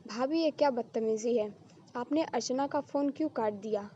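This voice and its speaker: A woman's voice: on the high side, normal speed, mellow, dull audio, a little hiss or hum, natural voice. A woman reading the lines of an earnest young man in a storybook drama. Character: young man, a loyal groom.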